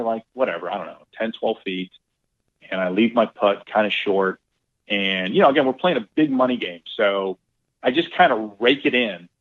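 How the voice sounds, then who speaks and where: A middle-aged man, a golf club owner, telling a lively casual story and acting out quoted dialogue, with some swearing. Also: on the low side. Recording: tinny phone-like line.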